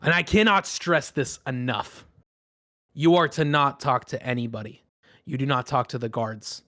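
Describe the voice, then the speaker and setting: A man voicing a cruel, domineering male pirate captain who barks orders and makes quiet threats. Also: medium pitch, normal speed, no room sound, studio quality, lightly acted. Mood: commanding. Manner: barking commands, menacing.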